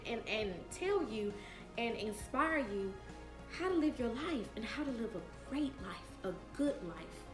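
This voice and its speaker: This late-twenties vlogger speaks at a medium pitch in a room with noticeable echo. Her personal story comes across as sincere and emphatic, and she repeats phrases to drive her message in.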